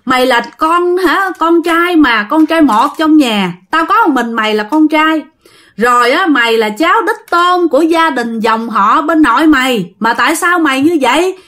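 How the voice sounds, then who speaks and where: A woman's voice: sits high, lively intonation, moderate pace, fairly bright tone, voice pushed up. A woman with a Southern Vietnamese accent voicing a distraught mother who wails, pleads and scolds. She cries the lines out in a raised voice within a spoken story. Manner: wailing, pleading, crying out.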